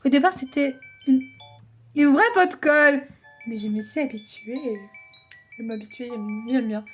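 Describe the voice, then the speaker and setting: A woman's voice: high-pitched, a little slow, husky, faint music behind. A young woman hosting a reaction video, chatting casually with rambling, self-correcting asides and acting out lines in exaggerated voices. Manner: playful, reads the characters' lines aloud in exaggerated voices.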